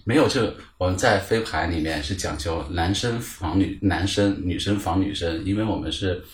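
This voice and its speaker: A man in his thirties, a podcast guest, explaining things at length in a relaxed way with lots of fillers. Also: low voice, normal speed, a little hiss or hum. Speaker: guest, club founder. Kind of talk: casual chat. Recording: roomy echo.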